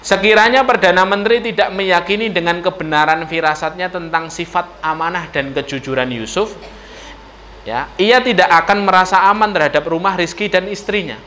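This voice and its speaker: A man with a Javanese accent delivers a sermon in a mosque, telling the story in a lively, playful way and often speaking straight to the women listening. His voice sits a little high, and a faint hiss runs under it. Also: moderate pace. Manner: lively storytelling, addresses audience as ladies. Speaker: preacher. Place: mosque hall.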